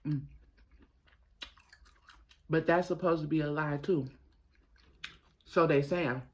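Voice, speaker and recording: A man hosting a mukbang, talking casually to viewers with his mouth sometimes full, gossipy and emphatic, pausing and repeating phrases. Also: a little high, steady tone, highs cut off. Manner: talks while eating, mouth sometimes full. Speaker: mukbang host. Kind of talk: casual chatty commentary to viewers while eating.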